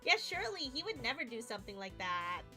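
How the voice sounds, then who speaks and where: Woman, game streamer, high voice, casual chat, giggly, self-conscious, background music. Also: sing-song, fast talker, bright, forceful tone. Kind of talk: casual chat while voicing game dialogue.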